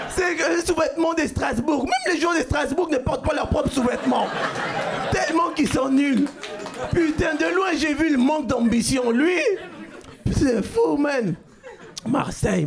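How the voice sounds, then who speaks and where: A man from Cuba doing a stand-up comedy set on a club stage, with a loud, punchy delivery that shouts out the punchlines. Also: very high-pitched, sing-song, a little slow, gravelly. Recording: live club recording with crowd. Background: audience laughter.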